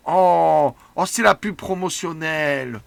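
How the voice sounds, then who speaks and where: A man's voice: fairly high pitch, slow pace, creaky, crowd noise. A man hosting a casual tech show, gushing and joking, with a mocking, childish way of repeating himself. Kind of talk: excited casual commentary.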